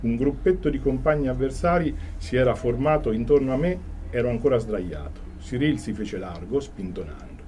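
An author reads his own prose aloud in an earnest, steady voice. His pitch sits in the middle of the male range. There is faint noise behind him. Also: moderate pace. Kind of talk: reading from his own book, then chatting.

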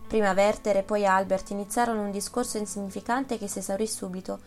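A woman narrating an audiobook in a measured, even reading style. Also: mid-range voice, faint music behind. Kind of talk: scripted literary narration.

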